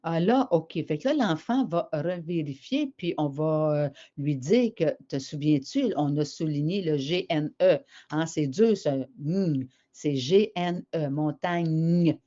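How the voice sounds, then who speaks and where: A woman's voice: low-pitched, expressive, unhurried, few pauses, warm tone. A middle-aged woman with a Quebec French accent, a remedial teacher explaining a spelling method to parents in a chatty way, full of examples. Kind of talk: parent information session. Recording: dull lo-fi sound.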